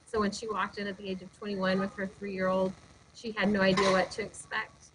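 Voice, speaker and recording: A woman lead pastor recounts personal stories in a webinar interview, sincere and leaning on lots of fillers. She speaks a little fast, with a medium-pitched voice and flat delivery, over some background noise.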